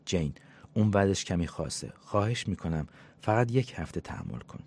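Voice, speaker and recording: A man's voice: sits low, big pitch swings, vocal fry, a little mellow, slightly rough, full character voice. A man doing a pushy, scolding woman psychologist. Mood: coaxing. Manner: scolding yet coaxing, talks fast and insistently. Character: brisk meddling woman psychologist friend.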